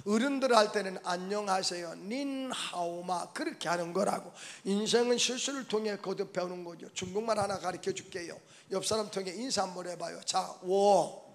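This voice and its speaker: Animated high-voiced male preacher. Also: creaky. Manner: animated preaching, swinging from soft to shouted exclamations. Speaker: pastor. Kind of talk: revival sermon. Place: church sanctuary.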